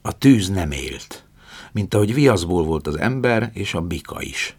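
Deep gravelly male storyteller. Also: expressive, no room sound. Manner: dramatic, shifting from loud to whispered. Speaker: narrator. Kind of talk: storytelling reading.

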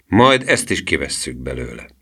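Gruff grumbly old-school cop in a storybook, man doing it, deep and slow. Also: expressive, bright, forceful tone, full character voice. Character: gruff grumbling male police sergeant.

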